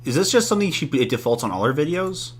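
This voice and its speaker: A man's voice: a little high, big pitch swings, fast talker. A man co-hosting a podcast, chatting casually with a sardonic edge. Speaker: podcast co-host.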